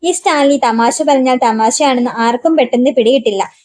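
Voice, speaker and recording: A woman voicing a genial, smooth-talking male politician in a read-aloud story. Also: high-pitched, fairly quick, darkish tone, dry recording, close to an everyday voice. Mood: jovial.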